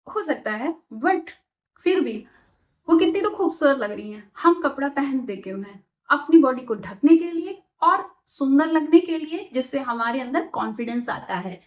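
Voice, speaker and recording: A woman's voice: sits high, poor audio. A woman vlogger giving opinionated, chatty commentary and mixing English phrases into her talk.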